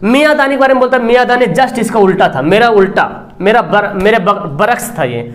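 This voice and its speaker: A man with a high-pitched voice lectures a class on a story. He tells it in a lively way, acting out the characters' lines and checking in with the class over and over. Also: fairly quick. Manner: repeats filler tag "theek hai na". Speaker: teacher.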